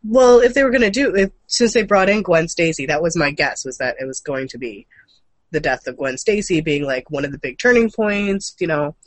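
A gaming and comics news show co-host speaks briskly and animatedly in a mid-range voice, joking wryly through a casual chat on comics, films and cartoons. The recording is rough, though it has no echo.

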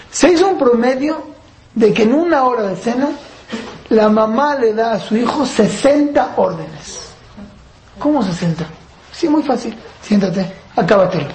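A woman's voice: a little high, a little mellow. A woman teaching a parenting class, asking the class rhetorical questions and acting out parent-child dialogue. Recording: roomy echo, faint background noise.

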